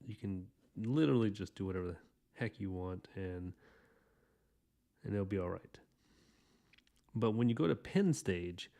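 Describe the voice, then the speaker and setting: Rambling man in his thirties, warm low voice. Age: 30s. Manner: rambling, loose and chatty, lots of fillers and restarts. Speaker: artist hosting a drawing podcast. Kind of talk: casual drawing tutorial while sketching.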